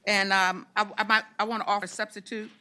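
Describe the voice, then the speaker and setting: A woman senator presenting a bill to a committee, reading its provisions in a brisk, steady way. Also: medium pitch. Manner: brisk, reads provisions steadily, stumbles on repeats when challenged. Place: legislative committee room.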